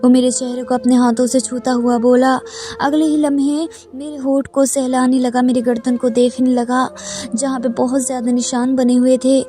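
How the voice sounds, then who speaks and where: High, flat-voiced woman storyteller. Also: normal speed, soft background music. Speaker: narrator. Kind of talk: first-person dramatic story narration.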